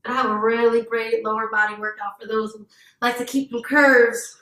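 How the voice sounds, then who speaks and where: A woman's voice: on the high side, little pitch movement, moderate pace, bright, forceful tone. A woman trainer talking through an at-home workout in casual chat, upbeat and laughing often. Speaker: fitness trainer guest. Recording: echoey room.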